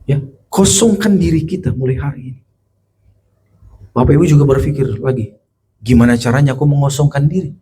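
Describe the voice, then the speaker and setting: A male pastor preaches to a church congregation, putting questions to them and shifting from loud, emphatic lines to quiet, low storytelling. There's a little hiss or hum in the recording.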